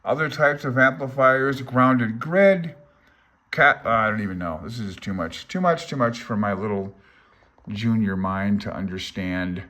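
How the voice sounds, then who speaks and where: Reading along from a handbook without a script, an older ham radio hobbyist speaks in a lowish, bright, forceful voice at a slightly slow pace. His explanation is casual and rambling, and he thinks out loud while admitting his uncertainty.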